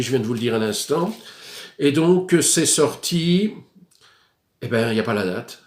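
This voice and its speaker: A man's voice: medium pitch, darkish tone. Hesitant French-speaking man in echoey room. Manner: hesitant, many fillers, unhurried. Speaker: record collector vlogger. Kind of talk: casual show-and-tell of purchases.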